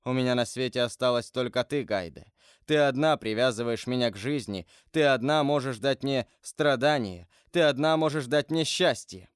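A man reading an audiobook aloud and voicing a grave, brooding nobleman who speaks in a solemn, measured way. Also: mid-range voice, clean tone, no echo, studio quality, natural voice. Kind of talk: audiobook character voice.

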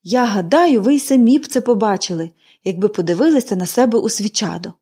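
A woman's voice: mid-range voice, expressive, fast, mellow, slightly rough. A woman voicing a cheerful, chatty young girl in an audiobook reading, gushing and eager.

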